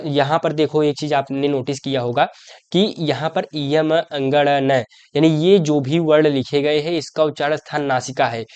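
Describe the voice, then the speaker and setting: A man's voice: on the high side, a little mellow, clean tone, no room sound. A young man teaching an exam-prep grammar lesson. He explains step by step, asks questions and answers them himself, and keeps calling the viewer his brother.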